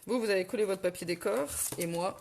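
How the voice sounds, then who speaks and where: There's a little hiss or hum behind this middle-aged Ch'ti-accented woman from northern France, who hosts a casual live crafting tutorial at home. Her mid-range voice is quick, creaky, and a little mellow as she chats, fixes her own slips, and answers viewers.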